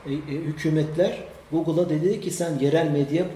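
A man's voice: fairly high pitch, steady tone, a little fast, dark tone. A man hosting a casual tech news chat, conversational and leading the talk. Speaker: host. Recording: echoey room.

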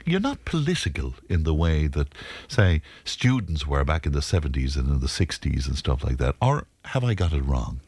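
A man's voice: extremely low pitch, sing-song, moderate pace, few pauses, a little mellow, breathy edge, no echo. An older man hosting a radio interview, asking probing questions. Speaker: radio host.

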